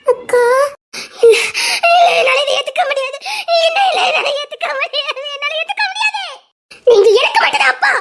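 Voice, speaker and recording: A woman's voice: very high voice, steady tone, normal speed. An actress with a Tirunelveli Tamil accent playing a hurt grown daughter who tearfully and bitterly rejects her estranged father. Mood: distraught.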